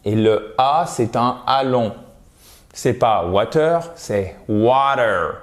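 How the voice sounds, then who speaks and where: Slow-paced French teacher, playful. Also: male voice, mid-range voice. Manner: explains slowly, models English pronunciation with exaggerated tones. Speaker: English teacher. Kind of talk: video lesson for French speakers.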